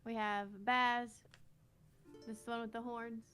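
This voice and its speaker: Woman, tabletop player, unhurried pace, slightly high voice, casual chat, faint music. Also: level tone, a bit bright.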